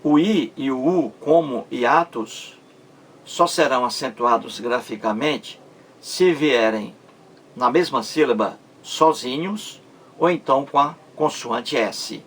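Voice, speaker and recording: A man's voice: mid-range voice, a bit bright, slightly rough. A man teaching a grammar lesson, drawing words out syllable by syllable and often asking his listeners if they understood. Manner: slow, stretches out words syllable by syllable, asks rhetorical check-ins. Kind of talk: explanatory video lesson.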